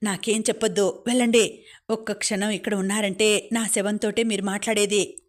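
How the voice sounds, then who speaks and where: A woman narrator voicing a grieving, distraught middle-aged mother who speaks harshly through tears, in a steady, flat delivery. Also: medium pitch, moderate pace, lightly acted. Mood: frantic, tearful. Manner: tearful, harsh and pleading.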